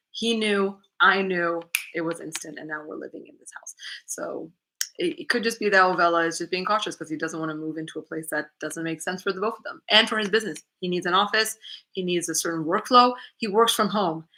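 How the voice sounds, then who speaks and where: The recording is rough as this lower-voiced woman, a YouTuber, candidly chats with livestream viewers from her living room. Her tone is bright and forceful, and she frequently laughs while reading out comments for a Q&A.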